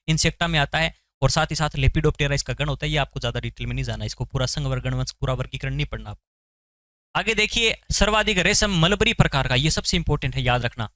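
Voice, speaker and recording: Male tutor, question-and-answer drilling style, slightly high voice, no room echo. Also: pushed and bright. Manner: asks questions then answers them; repeats key terms for memorizing. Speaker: science teacher. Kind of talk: exam-prep lecture.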